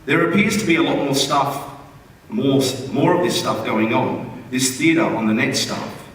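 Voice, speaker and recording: At a large indoor theatre forum, a reader with an Australian accent delivers a funny postcard to the audience at a measured pace. His mid-range voice is fairly bright and his manner wry and conversational, captured by a distant mic in an echoey, noisy hall.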